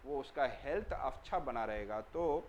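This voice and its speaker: A man's voice: mid-range voice, expressive, normal speed, a little hiss or hum, poor audio. A man teaching a lesson for children, asking questions and answering them himself, repeating key words and spelling some out letter by letter.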